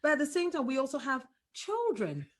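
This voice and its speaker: A woman hosting a podcast interview. She thinks aloud, affirms her guest and adds quick asides. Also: high voice, huge pitch swings. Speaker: podcast host.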